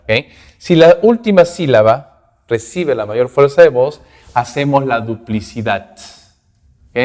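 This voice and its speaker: A man gives a grammar lesson in at an ordinary middle pitch. He breaks each rule into small steps and keeps asking his students if they follow. His voice carries a long reverb, as if recorded in a large hall. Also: a little mellow. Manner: explains step by step with frequent "¿ok?" and "¿no?" checks. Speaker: English teacher.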